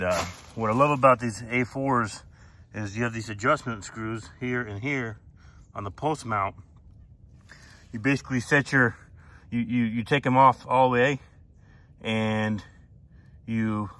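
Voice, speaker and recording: A man's voice: medium pitch, sharp tone. A man outdoors on a wooded trail, casually reviewing his bike parts, rambling with lots of fillers and restarts, recorded on an action camera. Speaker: mountain bike vlogger.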